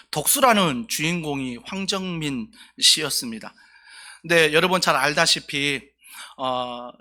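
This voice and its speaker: A man's voice: on the high side, sharp tone. A male pastor preaching a sermon, telling a story earnestly and with feeling.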